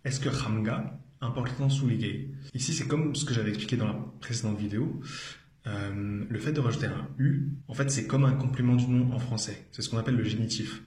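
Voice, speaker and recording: A male language teacher explains slowly and patiently in a mid-pitched voice. He repeats each phrase and hesitates often. The room around him adds a noticeable echo. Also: a little mellow. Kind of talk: explanatory video lesson.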